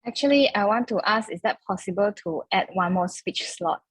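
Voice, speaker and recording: A woman's voice: medium pitch, lively intonation, a little fast, slightly rough, no echo. A woman with a Malaysian accent chatting casually in colloquial Singlish-style English full of particles. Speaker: club member. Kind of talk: casual chat.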